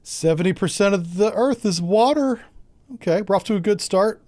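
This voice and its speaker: A man streaming a game, chatting casually with his viewers, joking, laughing often and thinking out loud. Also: high voice, normal speed, no room sound. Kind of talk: casual live gameplay commentary.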